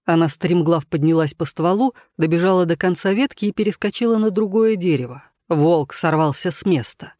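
A man narrating an audiobook in a calm, even storytelling manner. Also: sits high, a little fast, few pauses, no room sound, clean studio sound. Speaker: audiobook reader. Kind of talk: scripted narration.

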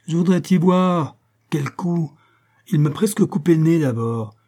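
Un homme qui joue une énorme brute masculine, peureuse devant les morts, d'une voix plaintive et forte. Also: male voice, medium pitch, expressive, moderate pace, mellow, breathy edge. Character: brutal hulking male thug, squeamish about corpses.

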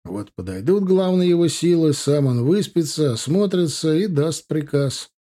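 A man voicing a young, steady ensign in an audiobook, giving brisk officer's orders. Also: fairly high pitch, pitched above the performer's own voice. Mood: calm.

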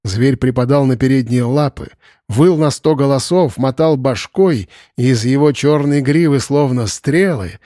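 A male narrator reads a dark fantasy audiobook in a measured, dramatic way. His voice is mellow and dark, at a middle pitch. The recording is dry and close. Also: no room sound.

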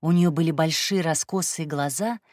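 A woman reading a first-person story aloud in a calm, even narration. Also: low voice, moderate pace, no room sound, studio quality. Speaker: audiobook narrator.

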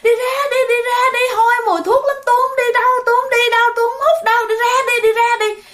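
A woman's voice: fairly even intonation, quick pace, fairly bright tone. A woman voicing a possessed young woman who cries and repeats herself like a child. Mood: wailing, frightened. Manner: high, crying, childlike repeating.

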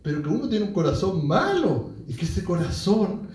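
High-voiced Chilean preacher, echoey. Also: male voice, sing-song, normal speed, darkish tone. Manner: earnest, addresses listeners as brother. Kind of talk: sermon with personal testimony. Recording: echoey room, distant mic, faint ambience.

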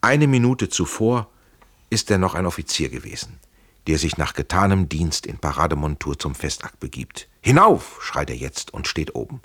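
A man's voice: very deep voice, animated, normal speed, husky, dry recording. A man narrating an audiobook in a dramatic, vivid storytelling manner, close to a studio mic.

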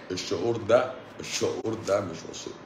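A man in his forties with an Egyptian Arabic accent, chatting casually on a live stream, sarcastic and mocking, swinging between loud outbursts and low mutters. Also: normal speed, roomy sound, noisy background. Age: 40s. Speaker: doctor hosting a live stream. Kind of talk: casual live-stream chat answering comments.

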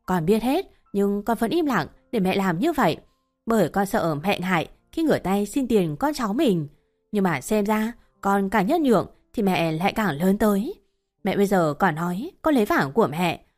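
A wronged young wife who talks back firmly and coldly, voiced by a woman reading an audio story. The pitch stays at an everyday middle level. Soft music runs behind. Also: very animated, moderate pace, lightly acted. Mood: cold defiant. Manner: firm, cold retorts.

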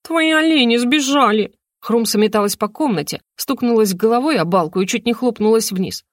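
A woman reading a first-person storybook narration in a lively, expressive way. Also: mid-range voice, brisk, dry recording, clean studio sound. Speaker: audiobook reader.

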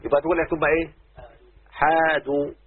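Man, Egyptian accent, classroom teacher, keeps quizzing students, somewhat high voice, lo-fi phone-line sound. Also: little pitch movement, fairly quick. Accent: Egyptian Arabic. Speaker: teacher of Arabic morphology. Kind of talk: classroom lesson. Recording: tinny phone-like lo-fi recording.

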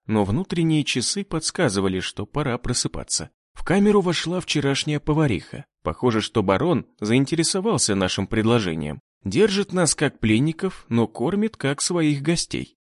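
A man narrating an audiobook in the first person, expressive and steady. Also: mid-range voice, normal speed, few pauses, dry recording, studio quality.

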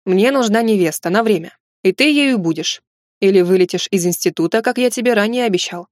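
Woman reading a confident young male lecturer, slow calm mocking delivery, audiobook novel, dry close recording. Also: mid-range voice, dry recording, close to an everyday voice. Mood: calm teasing.

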